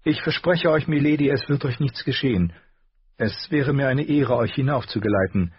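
A cocky, eager teenage girl, as a male narrator puts her on, his voice pushed well up for her. The read is husky and dry with a dull tone. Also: medium pitch, normal speed, dry recording, voice pushed up. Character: wiry, boastful teenage girl guide.

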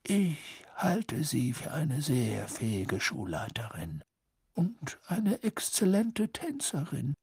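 A man voicing a calm, wise old headmaster who speaks quietly and slowly. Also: on the high side, vocal fry, breathy edge, no room sound, voice pushed up, heavily acted. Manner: quiet, soft and unhurried.

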